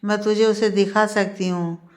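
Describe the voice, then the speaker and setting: A stern middle-aged mother who presses the same point again and again in a storybook tale, as a woman narrator voices her. The delivery is flat and level, middle in pitch, insistent and reproachful. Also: measured pace, faint music behind, lightly acted. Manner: insistent, repeating claims.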